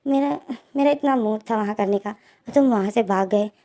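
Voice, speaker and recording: A woman voicing a teasing, scheming young man who speaks in a low, smug way. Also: normal speed, mellow, natural voice.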